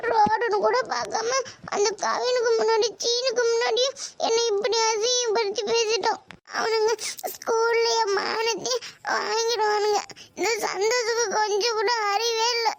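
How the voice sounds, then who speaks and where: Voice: extremely high pitch, little pitch movement, moderate pace, vocal fry, very noisy. A performer voicing a tearful, sulky young schoolgirl in a cartoon, who whines and complains. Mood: sulking. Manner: whiny, crying and complaining. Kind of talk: cartoon voice acting.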